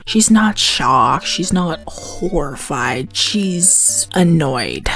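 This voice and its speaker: A woman giving scripted commentary on a video game as a commentator. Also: lowish voice. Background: faint music.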